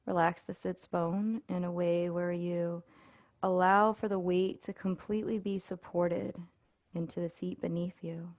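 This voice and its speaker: A female instructor guides a body scan meditation, speaking soothingly and without hurry, leaving pauses along the way. Her voice is lowish and a little mellow with a flat delivery, and the recording is dry.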